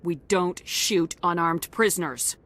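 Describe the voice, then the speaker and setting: A woman's voice: fairly low pitch, takes it slowly, fairly bright tone, slight background noise. A woman voicing a firm, composed military commander in a video game, terse and authoritative. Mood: stern.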